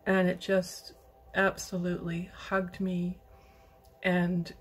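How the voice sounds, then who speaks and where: A middle-aged woman from western Canada telling her personal story in a slow, halting, emotional way, with many pauses and restarts. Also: on the low side, monotone, a little hiss or hum. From British Columbia, Canada. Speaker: interviewee. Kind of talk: personal testimony.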